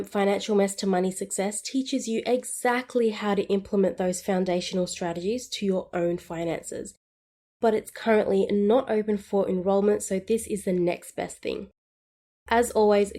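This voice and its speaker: A woman in her twenties hosts a scripted solo podcast on personal finance, explaining topics in an upbeat, friendly manner. Her voice is medium-pitched with a dark tone.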